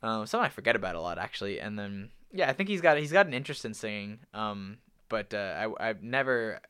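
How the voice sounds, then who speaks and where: Chatty young man, smooth clear voice. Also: on the low side, animated, fast, bright, forceful tone. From Canada. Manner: rambling, many fillers, laughs often. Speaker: musician guest. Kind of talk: casual interview storytelling.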